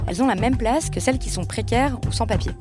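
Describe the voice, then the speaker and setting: A woman from France, a podcast host and journalist, narrating a documentary in a measured, assertive way. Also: a little high, over music.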